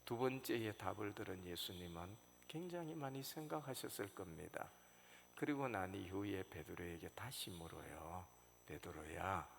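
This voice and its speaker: Gravelly pastor preaching in an echoey church. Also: male voice, low voice, expressive, moderate pace. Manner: storytelling with sudden loud rises and hushed drops. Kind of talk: sermon. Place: church sanctuary. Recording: reverberant church hall, faint noise.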